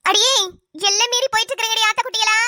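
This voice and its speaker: A cheeky, very high girl. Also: fairly even intonation, fast, pushed and bright, no room sound, exaggerated voice. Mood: teasing. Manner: teasing, self-assured. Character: young village girl, bold and cheeky. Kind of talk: cartoon voice acting.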